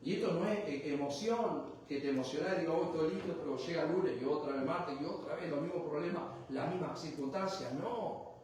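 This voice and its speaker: A high-pitched male pastor preaches a live sermon, rousing and quizzing his congregation for answers. His voice rings out in a very echoey church hall and is picked up from a distance, with a faint hiss behind it. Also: brisk, darkish tone.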